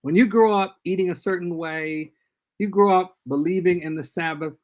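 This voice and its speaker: On a video call for a casual podcast, a high-pitched older man gives earnest and measured advice as a visiting church leader.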